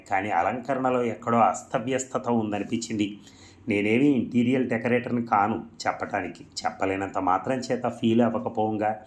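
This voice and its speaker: A man reading a story aloud in a measured, reflective way. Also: lowish voice. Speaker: narrator. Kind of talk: storybook narration.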